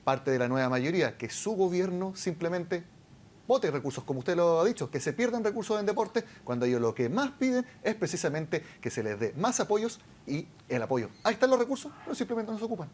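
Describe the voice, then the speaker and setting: A man's voice: fairly high pitch, very animated, normal speed, darkish tone, slight background noise. A Chilean man hosting a TV news interview, asking pointed, pressing questions. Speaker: TV news host.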